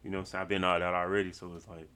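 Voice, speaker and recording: Very deep-voiced, laid-back male co-host. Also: little pitch movement, rapid-fire, bright, forceful tone, clear, resonant tone. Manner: laid-back, slangy, swears freely. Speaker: podcast co-host. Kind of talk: casual chat.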